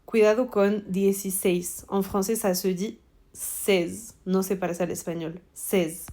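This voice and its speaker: A woman teaching a French exam-prep lesson, speaking slowly and deliberately and repeating model answers for students. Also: medium pitch, steady tone, mellow.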